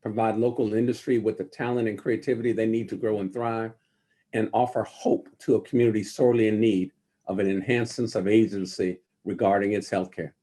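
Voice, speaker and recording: A man's voice: fairly low pitch, flat delivery, a little fast, mellow. A man, a university president, giving formal remarks and handing over to the next speaker. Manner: formal, gracious.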